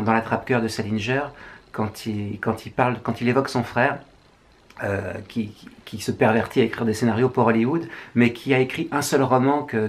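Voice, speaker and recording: A French man, a writer, musing through a book review with wry asides. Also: medium pitch. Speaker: writer presenting books.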